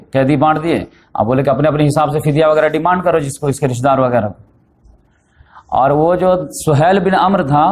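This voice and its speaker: A man delivers an Urdu religious lecture on the Prophet's life as a story, mixing in English words and turning emphatic when voicing its characters. His voice is a little high and darkish, with slight background noise.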